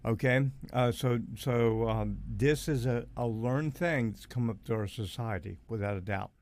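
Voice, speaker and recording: A man's voice: medium pitch, a little slow, a little mellow. A man hosting a podcast, chatting casually, telling stories and joking with his guest. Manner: casual, joking, storytelling with frequent laughs and "dude". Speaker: podcast host.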